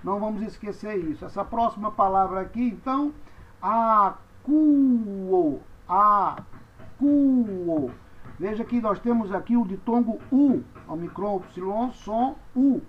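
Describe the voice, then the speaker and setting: Here the Greek teacher speaks in a high pitch at normal speed, pausing little as he lectures. Patiently, he spells each letter and repeats every word for the class, captured on a dull lo-fi recording.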